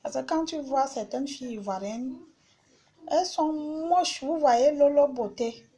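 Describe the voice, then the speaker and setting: A woman with a high, husky voice rants in a casual live stream. She talks bluntly and repeats her points over and over. It sounds like it's picked up by a phone mic. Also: moderate pace, mellow. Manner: blunt, repetitive, insulting.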